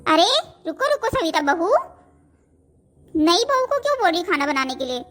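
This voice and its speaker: A woman's voice: very high voice, big pitch swings, moderate pace, a bit bright, full character voice. A woman voicing a stern, bossy old grandmother-in-law in a cartoon, commanding and scolding. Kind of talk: cartoon voice acting.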